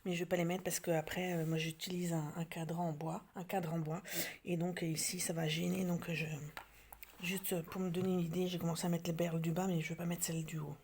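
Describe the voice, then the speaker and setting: A woman's voice: on the low side, flat delivery, fast talker, breathy edge. Hesitant French woman showing her stitching. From France. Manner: hesitant, many fillers and restarts; drops to soft near-whispers while showing details. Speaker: craft vlogger. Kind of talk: casual show-and-tell.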